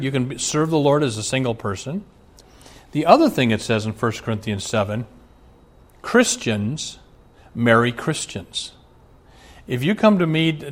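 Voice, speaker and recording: A middle-aged man from Omaha preaching a sermon as pastor, speaking earnestly and addressing fathers directly with rising emphasis. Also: mid-range voice. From Omaha, USA.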